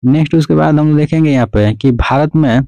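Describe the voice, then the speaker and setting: Male teacher, mellow tone, dry close recording, quiz drill explainer. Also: on the high side, fairly quick, vocal fry, no room sound, rough recording. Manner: repeats "remember" and "okay" as drilled prompts. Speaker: exam-prep teacher.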